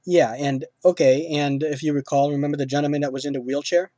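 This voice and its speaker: A man's voice: a little high, flat delivery, fast talker, mellow, no echo. A man hosting a casual film review, rambling with lots of fillers and restarts.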